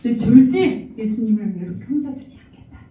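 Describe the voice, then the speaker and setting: Woman, 40s, church testimony speaker; earnest, storytelling, mellow and a bit high; distant mic, echoey hall, muffled sound. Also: animated, fairly quick. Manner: earnest storytelling, acting out dialogue. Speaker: church member giving testimony. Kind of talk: personal testimony to a congregation.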